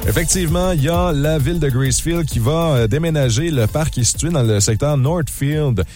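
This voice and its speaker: A man's voice: fairly high pitch, fairly quick, darkish tone, soft background music. A man with a Québécois accent, a radio news reporter chatting loosely about local headlines with many fillers. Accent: Québécois French. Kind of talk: casual news chat on radio. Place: radio studio.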